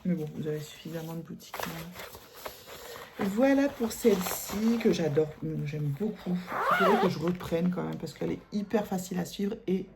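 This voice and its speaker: A woman's voice: on the low side, lively intonation, normal speed, gravelly, heavy background noise. A middle-aged woman from France chatting casually at home about her cross-stitch projects, rambling with many fillers and self-corrections. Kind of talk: casual chat showing embroidery.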